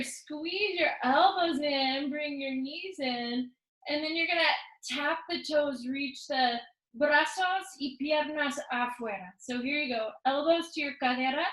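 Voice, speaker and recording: A woman's voice: high voice, measured pace, fairly bright tone, echoey room, low-quality recording. A woman fitness instructor guiding a workout, counting reps and mixing Spanish cues into her instructions. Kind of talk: guided workout cueing.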